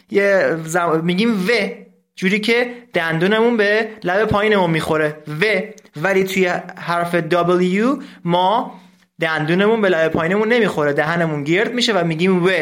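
A man teaching English from a textbook in a recorded lesson, explaining step by step and saying English words slowly. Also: high-pitched, a bit bright.

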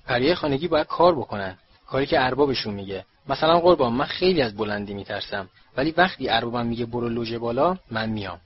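A man voicing a timid, fretful female house-elf servant with a high squeaky voice and anxious, deferential manner, in a lo-fi audiobook recording. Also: breathy edge, lightly acted. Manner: anxious, deferential, keeps saying sir.

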